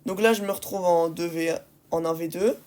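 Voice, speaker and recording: A woman's voice: fairly low pitch, steady tone, moderate pace, a little mellow. A woman giving casual gameplay commentary, exasperated with her teammates and repeating phrases and rhetorical questions for emphasis. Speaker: gaming video creator commentating on match replays.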